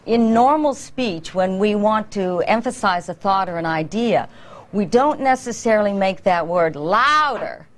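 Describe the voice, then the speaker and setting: A woman's voice: mid-range voice, expressive, measured pace. Articulate woman vocal coach. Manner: articulate, demonstrative, stretches consonants. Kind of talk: morning show interview.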